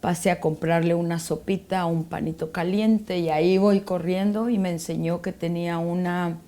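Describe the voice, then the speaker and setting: A woman's voice: lowish voice, fairly even intonation, moderate pace, warm tone. A middle-aged woman giving a personal faith testimony as a guest, telling a story and acting out the dialogue.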